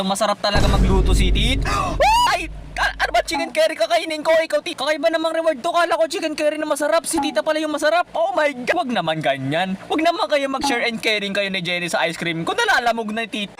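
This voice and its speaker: A young man doing game commentary, yelling and swearing excitedly at whatever he runs into. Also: very high-pitched, a little fast, heavy background noise. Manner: excitable, yells and swears at mobs. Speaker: gamer.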